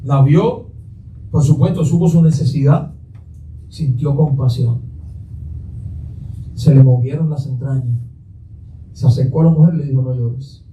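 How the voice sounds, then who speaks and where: A man's voice: medium pitch, measured pace, pauses often, dark tone, echoey room, distant mic, slight background noise, low-quality recording. A man pastor giving a Sunday sermon, putting questions to the congregation and answering them himself. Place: church sanctuary.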